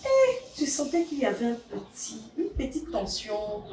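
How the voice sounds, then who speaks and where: A woman's voice: on the high side, sing-song, normal speed, darkish tone, a little hiss or hum. Woman recapping in a roomy, distant sound. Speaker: co-host of a reality show debrief. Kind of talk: casual chat. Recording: roomy echo, distant mic, faint ambience.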